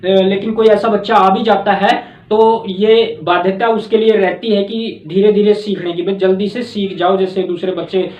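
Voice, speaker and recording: A man's voice: high-pitched, steady tone, normal speed, darkish tone. A man from Haryana, a tuition teacher explaining his teaching methods in an earnest way, repeating key words as he goes. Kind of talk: explanatory talk. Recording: roomy, dull lo-fi sound.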